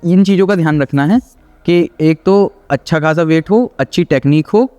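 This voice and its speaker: A man who hosts and reacts to fitness videos gives casual, teasing commentary on gym clips, explaining technique and often checking in with "theek hai." His voice is on the high side, darkish yet clean, at a moderate pace.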